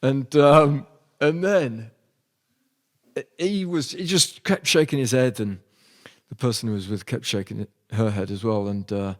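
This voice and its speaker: A man's voice: medium pitch, a little slow. Rambling man telling stories. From Yorkshire, England. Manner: rambling, self-deprecating anecdotes with lots of ums. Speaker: podcast guest, comedian-poet. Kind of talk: casual storytelling chat.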